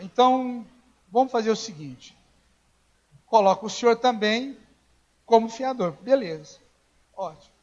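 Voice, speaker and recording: A pastor with a very high voice preaches a sermon in church, telling stories conversationally, acting out the dialogue and now and then rising to a shout. The church recording is dull and lo-fi.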